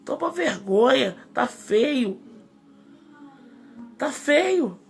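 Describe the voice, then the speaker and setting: A woman's voice: sits high, lively intonation, drawn-out words, vocal fry, a little mellow, soft background music. A woman in her thirties with a Brazilian accent, a pastor preaching an impassioned, indignant sermon in rising bursts. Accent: Brazilian Portuguese. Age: 30s.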